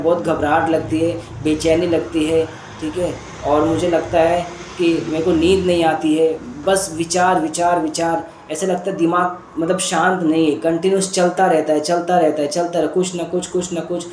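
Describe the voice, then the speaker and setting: A man's voice: a little high, flat delivery, moderate pace, darkish tone, echoey room, a little hiss or hum, close to an everyday voice. A man voicing a frightened, weeping middle-aged mother who begs her doctor for help, repeating her worries in a pleading rush. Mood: pleading, anxious. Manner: pleading, repetitive, breathless worry.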